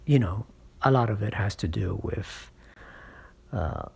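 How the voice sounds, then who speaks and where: Male channel host, husky and unhurried, encouraging speaking coach who talks from experience. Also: lowish voice, expressive, darkish tone. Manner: coaching, checks in with frequent "right?" and "okay?". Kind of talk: motivational public-speaking advice.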